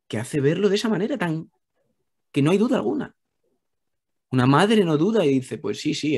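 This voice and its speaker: A man with a Spain Spanish accent, a guest talking calmly about spiritual ideas, repeating phrases and asking rhetorical questions. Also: medium pitch, husky. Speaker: guest speaker. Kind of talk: reflective spiritual talk.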